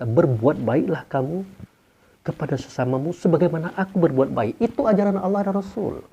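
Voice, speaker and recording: A man delivers a sermon. His voice is husky and mellow, and he keeps putting questions to the listeners, jumping up in pitch to stress his points. The recording is dull and lo-fi. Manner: questions the audience often, sweeping pitch for emphasis. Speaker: preacher. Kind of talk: sermon to a gathering.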